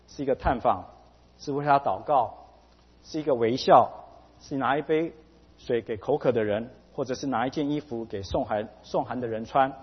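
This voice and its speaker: A man preaching a sermon in a measured way, pausing often with fillers, recorded dull with a long hall reverb. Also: mid-range voice, breathy edge. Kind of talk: sermon with anecdote.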